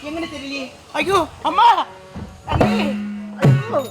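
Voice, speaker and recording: A woman's voice: high voice, wildly swooping pitch, unhurried, over loud music, heavily acted. A woman playing a tender, tearful young bride-to-be in an open-air folk stage drama, with an emotional, pleading delivery.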